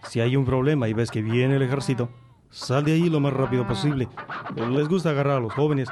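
A man's voice: mid-range voice, brisk, noisy background, lightly acted. A man playing a protective older brother. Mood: earnest. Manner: warning, earnest. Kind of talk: radio drama acting.

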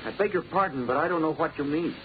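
An actor playing a polite, deferential hotel waiter with a formal manner in a 1940s radio drama. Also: male voice, fairly high pitch, expressive, fast, lightly acted. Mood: polite, guarded. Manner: formal, courteous. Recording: muffled, noisy old radio recording.

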